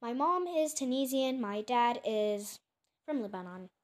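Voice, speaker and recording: A woman's voice: on the high side, lively intonation, a little slow. A female creator chatting casually while reacting to her own old clips, chatty and self-mocking. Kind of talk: casual chat.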